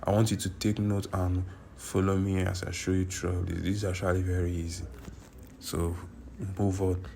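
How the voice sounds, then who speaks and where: Sitting indoors at his computer, a man from Nigeria narrates a screen-recorded YouTube tutorial in a low, gravelly, dark voice with little pitch movement and a normal speed. There's slight background noise, and he keeps repeating and correcting himself insistently.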